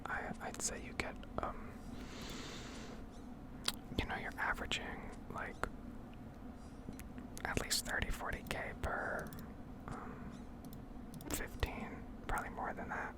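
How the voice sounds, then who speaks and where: A woman whispers breathily, offering slow, wandering ASMR commentary over gameplay as a gaming ASMR video creator.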